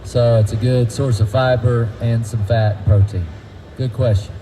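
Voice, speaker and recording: A man's voice: mid-range voice, fairly even intonation, normal speed, warm tone, a little hiss or hum, poor audio. Folksy man leading a tour. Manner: folksy, quizzes the crowd. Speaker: tour guide at a feed mill. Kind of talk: guided tour talk to a group.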